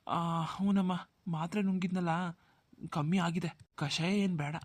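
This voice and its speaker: A man's voice: sits high, fairly even intonation, a little slow. A man voicing a worried poor brother. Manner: anxious, self-pitying, pleading. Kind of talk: Kannada cartoon dubbing.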